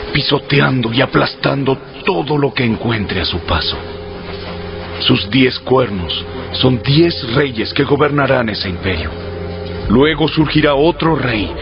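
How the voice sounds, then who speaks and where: A man's voice: medium pitch, creaky. Guy playing a heavenly messenger in bible audio drama, grave n commanding, declamatory, music behind, bit lo-fi. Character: solemn male heavenly messenger explaining visions. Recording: dull lo-fi audio under loud music.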